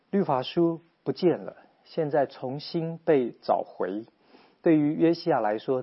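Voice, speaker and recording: A man giving an earnest, measured Bible teaching talk with rhetorical questions, on a slightly dull, lo-fi recording. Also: medium pitch, breathy edge. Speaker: preacher.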